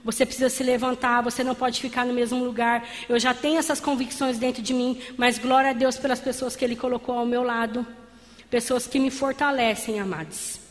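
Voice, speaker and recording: A woman's voice: on the high side, steady tone, brisk. A woman giving a fervent sermon-style testimony in church, calling her listeners beloved. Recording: long hall reverb.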